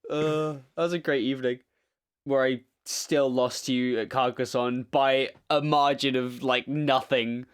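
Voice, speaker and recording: A man's voice: medium pitch, fairly even intonation, measured pace, clear, resonant tone. A young man co-hosting a podcast, chatting casually and animatedly, swearing and laughing often. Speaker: podcast co-host. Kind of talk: casual chat.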